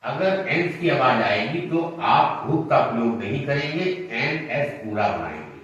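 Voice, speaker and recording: A man's voice: medium pitch, lively intonation, measured pace, a bit bright, highs cut off. A man teaching shorthand, explaining each stroke patiently and step by step. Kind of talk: classroom lesson at a board. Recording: echoey room, mic far off.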